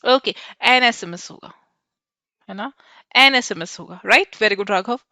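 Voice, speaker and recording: A woman's voice: mid-range voice, unhurried, bright, forceful tone, no room sound. A woman teacher with an Indian accent, quizzing students by name as she mixes Hindi and English in a lesson. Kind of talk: online class lesson.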